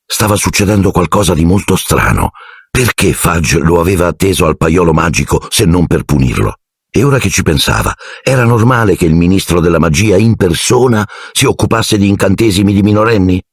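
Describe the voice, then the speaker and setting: A man narrating an audiobook in an expressive storytelling manner. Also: low voice, a little fast, breathy edge, dry recording, studio quality.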